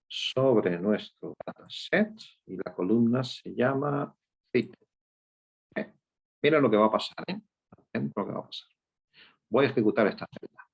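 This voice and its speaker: A man's voice: on the low side, gravelly, slightly rough. A man teaching a screen-share coding lesson, explaining step by step and checking in with his listeners after nearly every point. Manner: explanatory, frequent "¿eh?" and "¿ok?" check-ins. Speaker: data instructor. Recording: dull lo-fi sound.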